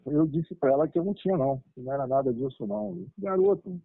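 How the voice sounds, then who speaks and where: A man's voice: fairly high pitch, fast talker, gravelly, slightly rough, dry recording. Man telling a story over a tinny line. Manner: lively, chuckling, acts out dialogue. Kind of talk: personal spiritual storytelling. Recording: tinny dry phone-like line.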